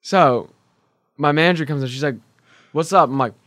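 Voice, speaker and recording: A man in his twenties telling a work story in casual chat, animated and acting out the quotes. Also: medium pitch, a little fast, dry recording, studio quality. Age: 20s.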